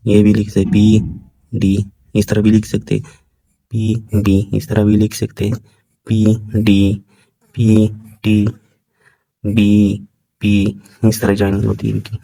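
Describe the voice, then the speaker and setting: Low, flat, very dark-voiced male teacher. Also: vocal fry. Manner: reads English text slowly, then explains in Hindi. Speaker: shorthand teacher. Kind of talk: casual explaining lesson.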